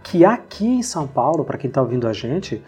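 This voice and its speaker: A man hosting a casual podcast conversation, telling anecdotes in a lively way. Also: medium pitch, brisk, faint music behind. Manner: storytelling, animated retelling of anecdotes. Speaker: podcast host. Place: lives in São Paulo.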